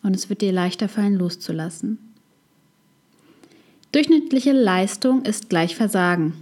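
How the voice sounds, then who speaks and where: A woman psychologist hosting a self-help podcast, speaking in a calm, scripted way straight to the listener. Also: medium pitch, measured pace.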